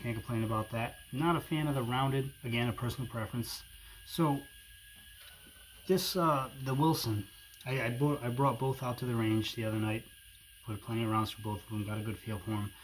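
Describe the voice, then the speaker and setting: Low-voiced man with a New England accent. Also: poor audio. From New England, USA. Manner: informal, hedging, conversational. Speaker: firearms review video host. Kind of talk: casual product review talk to viewers. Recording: steady background noise.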